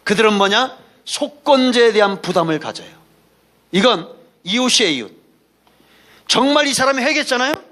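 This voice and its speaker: A man's voice: very high voice, animated, moderate pace, pauses often, pushed and bright. A man preaching a Sunday sermon as pastor, emphatic and folksy, calling for responses from the congregation between anecdotes. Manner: folksy, mixes asides and anecdotes.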